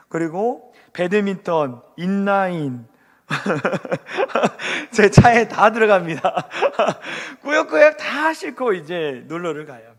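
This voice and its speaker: A pastor in his thirties delivering an animated Friday prayer sermon, leading the congregation in call-and-response. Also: on the high side. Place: church sanctuary. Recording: long hall reverb.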